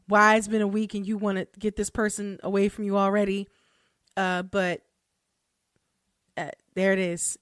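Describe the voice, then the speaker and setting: A woman with a medium-pitched voice hosts a casual solo podcast, and she also practices hoodoo. She talks loosely and chattily, laughing often and full of fillers and restarts. The recording is clean studio sound with no room noise.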